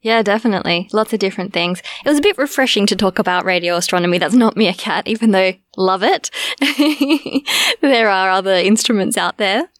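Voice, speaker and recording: A woman hosting a podcast, chatting casually and laughing easily, then reading the closing credits in a steady voice. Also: medium pitch, brisk, dry recording, studio quality. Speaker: podcast host. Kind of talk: casual chat and scripted outro.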